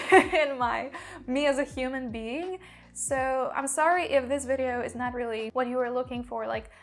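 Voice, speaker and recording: A young Polish woman with a slight accent speaks in a fairly bright, high-sitting voice. She's a language mentor recording a personal vlog monologue, earnestly describing her own learning and using "like" as a filler a lot.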